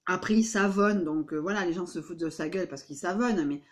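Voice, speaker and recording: A woman's voice: lowish voice, brisk. A woman with a southwestern French accent, Béarnais-tinged, talking straight to her viewers from home in a rambling, emphatic vlog monologue. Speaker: vlogger. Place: at home indoors.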